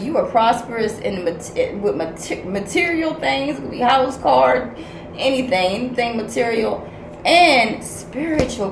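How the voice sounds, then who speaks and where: An older woman with a fairly high voice delivers a spiritual message reading like a stern big sister, swinging from soft coaxing to loud, cursing tough love. Her voice sits in an echoey room with a clear noise bed underneath. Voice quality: blunt, profane, tough-love preaching. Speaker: spiritual counselor.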